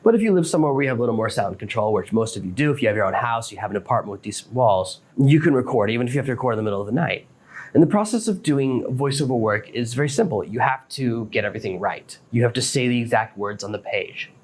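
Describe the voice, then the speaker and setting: This podcast host, a self-employed author, explains things step by step in a relaxed, no-nonsense advice monologue. His voice is medium-pitched with lively intonation and a quick pace.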